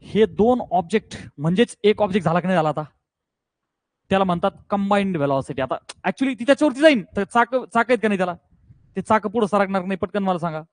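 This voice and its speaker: Male physics teacher, high voice, energetic and coaxing with his class, dry sound. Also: fast talker, dry recording. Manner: energetic, coaxing, keeps checking students understand. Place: classroom with students.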